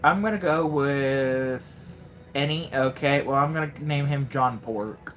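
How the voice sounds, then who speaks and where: A man's voice: medium pitch, unhurried, a bit bright. A man commentating his own gameplay on a live stream, joking and talking directly to his chat. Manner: chatty, joking, talks to chat. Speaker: game streamer.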